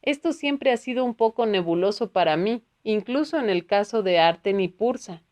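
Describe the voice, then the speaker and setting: A woman's voice: mid-range voice, expressive, moderate pace, a little mellow, natural voice. A woman voicing a curious, earnest man who asks questions with wry humor in a read-aloud spiritual book. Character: earnest middle-aged man, the curious narrator.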